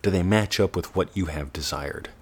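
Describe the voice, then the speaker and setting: Low husky man in a slow meditative talk. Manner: slow, drawn-out, often half-whispered words. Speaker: teacher. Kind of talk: meditative self-development talk.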